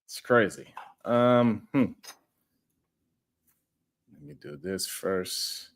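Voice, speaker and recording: A man's voice: fairly low pitch, lively intonation, extremely slow. A man hosting a casual livestream, talking loosely and rambling as he greets viewers in the chat and chuckles often.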